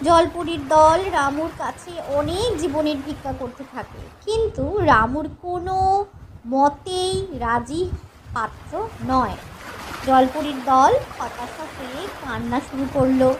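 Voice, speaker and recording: A woman narrating a children's cartoon story in an expressive, lilting storybook way. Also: sits high, measured pace, slight background noise, low-quality recording.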